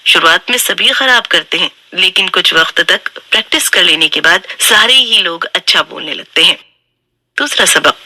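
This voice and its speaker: Bright, crisp woman narrating a book summary. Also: medium pitch, no echo. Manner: steady instructive delivery.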